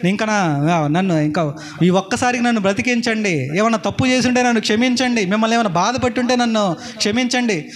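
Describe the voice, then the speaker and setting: A man's voice: high voice, brisk, voice pushed up, lightly acted. A man voicing a drowning young man who desperately pleads to be rescued. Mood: desperate pleading.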